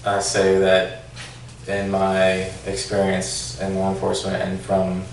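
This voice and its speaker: A man's voice: low-pitched, monotone, takes it slowly, creaky. A man, a former police officer, answering questions at a formal hearing, hesitant, with many fillers and restarts. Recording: echoey room, distant mic, faint noise.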